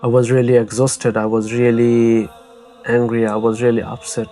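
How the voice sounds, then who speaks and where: A young man, telling his own story in a halting, soft-spoken way with many pauses and restarts. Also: mid-range voice, level tone, faint music behind. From Bangladesh. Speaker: interviewee. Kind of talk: personal testimony.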